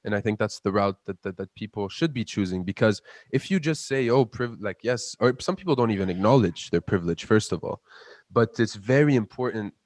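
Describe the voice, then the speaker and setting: A student entrepreneur from Palestine, in his 20s, gives animated interview answers as a guest in a lowish voice, talking a little fast. He is earnest and passionate, repeating words as he builds up his point, and there is no room sound.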